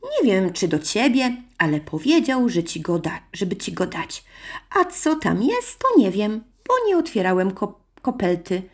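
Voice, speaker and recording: A woman's voice: medium pitch, big pitch swings, normal speed. A woman voicing a small boy who cannot pronounce the letter R, chattering earnestly. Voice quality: lisping, mispronounces R.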